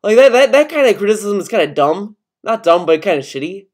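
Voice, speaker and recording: With a high-pitched, very animated voice that runs a little fast, a Connecticut man with an American accent delivers a casual YouTube rant. He rambles, curses and sounds defensive throughout.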